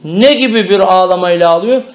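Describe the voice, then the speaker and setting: High-pitched guy teaching a grammar class, slow drawn out words, keeps asking if everyone got it. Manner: explains step by step, often checks with "Tamam? Anlaşıldı?".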